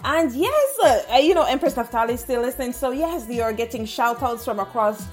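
A woman presenting a live show as host, giving shout-outs and introductions. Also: a little high, animated, fairly quick, soft background music.

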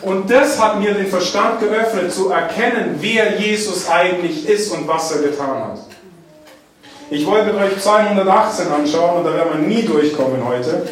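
A man preaching a sermon, dwelling on key phrases with drawn-out emphasis. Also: high voice, slight background noise. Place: church hall. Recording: echoey church hall, mic at a distance.

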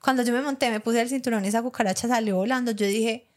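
A woman's voice: fairly high pitch, fast talker. A young Colombian woman co-hosting a podcast, telling a story with lots of laughter and acted-out lines. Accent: Colombian Spanish. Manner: animated, laughs often, acts out her own past lines. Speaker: podcast co-host. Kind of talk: casual storytelling chat.

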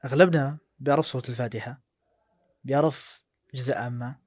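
A man's voice: mid-range voice, fairly even intonation, quick pace, darkish tone, no echo, clean studio sound. A man co-hosting a podcast, mostly agreeing and adding short points. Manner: agreeing, chiming in briefly. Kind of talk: casual podcast chat.

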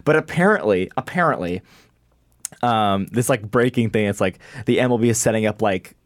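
A man's voice: fairly low pitch, expressive, moderate pace, no echo, studio quality. A man in his twenties from Wisconsin, hosting a sports podcast in a chatty, rambling way and laughing often. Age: 20s. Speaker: podcast host. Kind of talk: casual sports chat.

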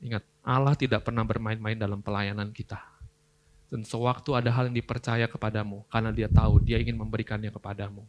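A young man, preaching a lively youth sermon, swinging between loud outbursts and quiet earnest asides. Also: on the low side, fast talker. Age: young adult. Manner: casual slangy Jakarta-style delivery.

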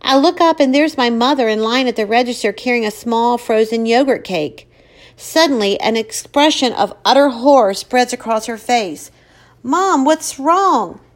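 A woman reading a first-person story as an audiobook narrator, with expressive, emotional delivery of her own lines. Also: a little high, moderate pace.

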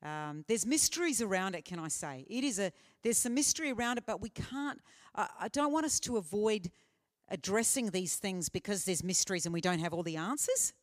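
In a conference hall, a woman speaker answers questions during a live teaching session, earnest and conversational with frequent fillers. Her medium-pitched voice is expressive and brisk.

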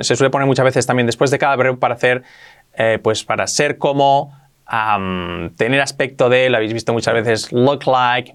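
A man's voice: mid-range voice, fairly bright tone. Man teaching English grammar in Spanish. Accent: Spain Spanish. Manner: repeats each example slowly, asks ¿vale? often.

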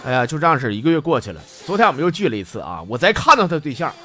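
Northeastern mandarin guy telling jokes, laughs at his own lines, bouncy voice, a little high. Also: sing-song, rapid-fire, very noisy. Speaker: host. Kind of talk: comic joke telling.

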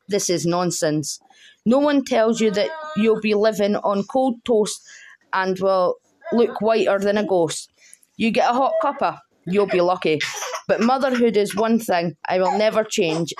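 A woman reading poems aloud as a guest in a steady, rhythmic way with a wry edge. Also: medium pitch, slight background noise. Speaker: guest poet. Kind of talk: reading her own poem aloud.

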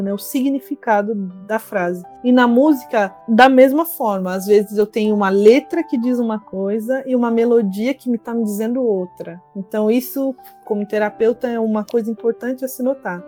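A Brazilian woman with a voice a little above average pitch answers questions as a music therapist. She explains in a patient, teacherly way. Soft music sits quietly in the background. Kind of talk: explanatory interview talk.

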